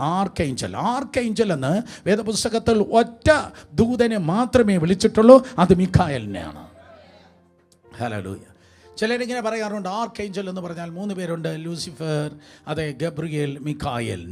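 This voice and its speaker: A man's voice: on the high side, darkish tone. A man preaching a sermon to a congregation, calling for responses and mixing in English words. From India.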